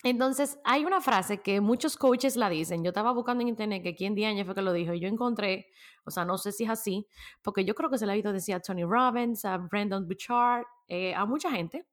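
A woman's voice: mid-range voice, a little fast. A woman talking casually as a podcast host about handling emotions, chatty, laughing often and tossing in slang. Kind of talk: casual self-help talk.

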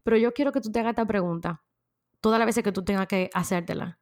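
A Dominican woman hosts a motivational podcast in a relaxed monologue. She speaks emphatically and chats with her listeners. She keeps a conversational pace full of filler words. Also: mid-range voice, quick pace. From Dominican Republic. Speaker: podcast host.

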